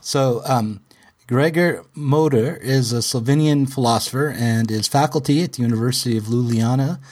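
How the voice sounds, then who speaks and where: A man hosting a podcast, reading a scripted introduction and then chatting loosely with his guest, often halting. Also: medium pitch, darkish tone. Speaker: podcast host and publisher. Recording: faint music under the intro.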